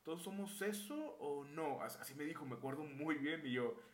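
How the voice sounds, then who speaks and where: A man's voice: fairly high pitch, lively intonation, moderate pace. A young man with a Monterrey accent, casually telling a childhood story on a podcast, acting out quoted voices and laughing often. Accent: northern Mexican (Monterrey). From Monterrey, Mexico. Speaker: podcast co-host. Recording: echoey room.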